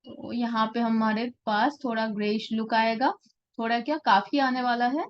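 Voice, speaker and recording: A woman's voice: fairly high pitch, steady tone, normal speed, muffled recording. A woman teaching a live portrait-drawing class, explaining patiently and often checking that her students follow. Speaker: art teacher.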